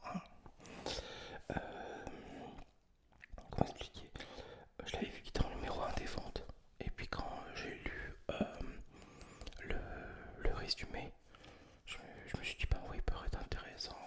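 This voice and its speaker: A person speaking entirely in a breathy whisper, close to the mic, presenting books in a casual, informal ASMR style. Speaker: ASMR video host. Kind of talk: whispered ASMR book review, casual chat.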